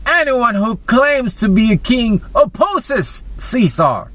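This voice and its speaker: A man voicing a hostile crowd of accusers and mocking soldiers in a dramatized scripture reading, with insistent, drawn-out cries. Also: very high-pitched, sing-song, fairly bright tone, voice pushed up, full character voice.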